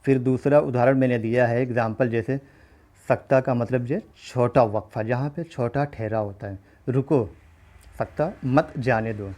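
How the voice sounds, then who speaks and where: A man's voice: mid-range voice, steady tone, normal speed, warm tone. A man teaching an online exam-prep lesson, explaining step by step and often checking in with his listeners. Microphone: recorded while writing on a screen.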